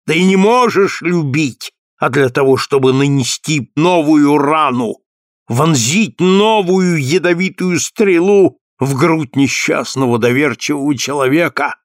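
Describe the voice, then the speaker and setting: A bitter, vengeful husband with a knife in his hand speaks slowly and grimly, weighing every word, as a male storyteller voices him. The delivery is drawn out and menacing, and the recording stays close and dry. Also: fairly high pitch, no echo. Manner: slow, grim, deliberate declamation.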